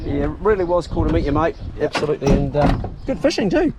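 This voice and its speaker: With a fairly high, very animated voice and a brisk pace, this blokey South Island fishing host swears freely and keeps things matey in his broad New Zealand accent. He's out on the water, casually chatting to a companion and the camera, with the boat and water noise captured clearly.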